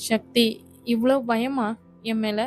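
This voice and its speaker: A woman voicing a playful young woman who teases and reassures her lover, in a flat reading. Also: fairly high pitch, slow pace, soft background music. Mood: teasing. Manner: teasing, reassuring. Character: young sweetheart Nila, mischievous and loving.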